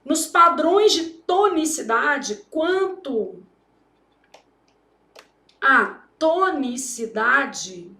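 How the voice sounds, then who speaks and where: A Brazilian woman teaching a grammar lesson in a high voice. She talks emphatically and with theatrical flair, often checking in with the class. The sound rings in a roomy echo. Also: very animated, drawn-out words, long pauses, sharp tone. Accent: Brazilian Portuguese. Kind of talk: exam-prep grammar lesson.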